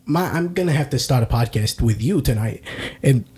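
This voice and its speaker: A man's voice: medium pitch, lively intonation, brisk, mellow, natural voice. A man playing a crude, rambling guest who poses as a podcast expert in an improvised comedy sketch. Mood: boastful, rambling. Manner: rambling, crude, confidently clueless, fake-tearful. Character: crude clueless man posing as podcast guru.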